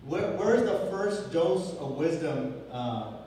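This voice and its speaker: A young male pastor giving a relaxed, conversational Bible teaching, asking the room questions and chuckling often. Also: a little high, slow, slight background noise. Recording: echoey hall from far off.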